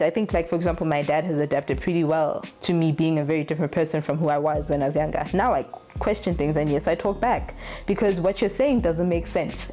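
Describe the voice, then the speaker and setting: A woman's voice: deep voice, mellow. A young adult woman talking casually to camera in a candid, blunt way, swearing freely. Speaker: vlogger.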